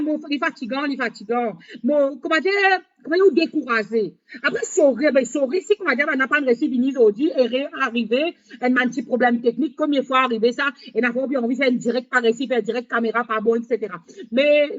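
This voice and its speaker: A woman hosting a live stream, talking in a rambling monologue with halting, repetitive, broken phrasing. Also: sits high. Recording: dull lo-fi sound.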